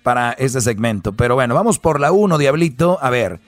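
A man with a Mexican accent hosts a comic rant about a web article, his delivery crude and sarcastic. His voice sits at a middle pitch, and the recording is dry and close. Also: fairly quick, no echo, faint music behind. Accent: Mexican Spanish. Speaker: show host. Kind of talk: comedic commentary on a web article.

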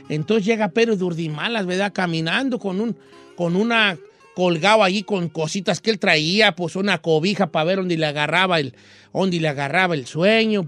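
A man telling a folk tale in an animated, folksy way, with asides to his listener. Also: high voice. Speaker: storyteller. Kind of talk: folksy oral storytelling.

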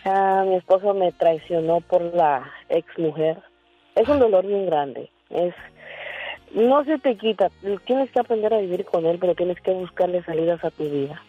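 A woman's voice: on the low side, moderate pace, husky, no echo, faint music behind. A woman calling in to a radio show, sharing earnest, heartfelt advice. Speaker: caller. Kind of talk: phone-in testimony. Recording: tinny dry phone line.

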